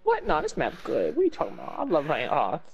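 Laid-back young man gaming, lively pitch. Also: fast talker, vocal fry, muffled recording. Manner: laid-back, laughs often. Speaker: gamer. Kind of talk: casual gaming chat.

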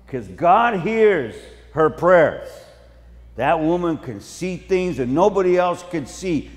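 A middle-aged male pastor preaches at an unhurried pace with a fairly high voice, mixing humor into his stories. His words ring out with a long reverb in a large hall. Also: a little mellow. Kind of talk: bilingual sermon.

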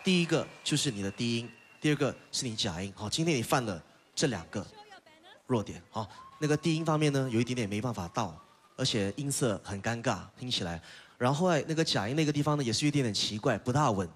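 A man's voice: medium pitch, quick pace, a little hiss or hum. Male judge, medium voice, blunt and playful feedback to contestants. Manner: direct, teasing, lively. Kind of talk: judge's critique on a talent show.

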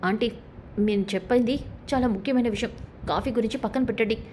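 A scheming young daughter-in-law, voiced by a woman narrator presses her case with insistent tattling. She talks quickly, in a slightly raised voice. The reading keeps close to a plain storytelling tone. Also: fairly high pitch, darkish tone, a little hiss or hum, natural voice.

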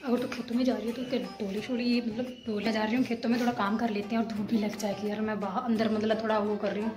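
A woman's voice: mid-range voice, little pitch movement, quick pace, a little mellow, faint music behind. A young woman from Himachal Pradesh in India, chatting casually to viewers in her daily vlog as she walks through fields and her home, recorded on a handheld phone. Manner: chatty, playful, talks to viewers while walking. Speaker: vlogger. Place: outdoors, village fields and home.

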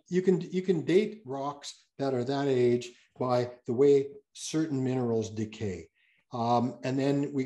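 A man's voice: mid-range voice, mellow. A man speaking as a guest geologist, answering audience questions on a video call in a rambling, self-correcting way with many fillers.

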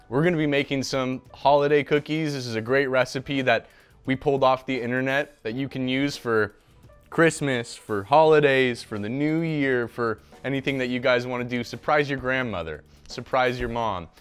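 Smooth and mid-range, the young host speaks at a normal speed while running his easygoing home cooking show. He talks brightly to the mute mascot beside him, heard through a lapel mic over faint music.

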